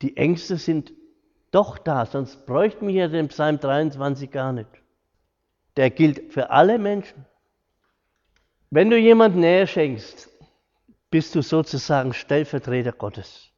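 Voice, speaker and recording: A middle-aged man gives an informal lecture, earnest and homely, slipping into the voices of the people he quotes. His voice sits fairly high for a man. The recording is dull and lo-fi, with a long echo from a hall. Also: lively intonation, measured pace, long pauses, darkish tone. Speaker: hospital carer giving a talk. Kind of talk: informal lecture with personal stories. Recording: echoey hall, dull lo-fi sound.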